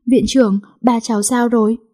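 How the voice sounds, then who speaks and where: A woman voicing a tough young heiress who pleads tearfully, her voice pitched up and breathy. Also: fairly even intonation, normal speed, warm tone. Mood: urgent, shaken. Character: young heiress, tough but grief-stricken daughter.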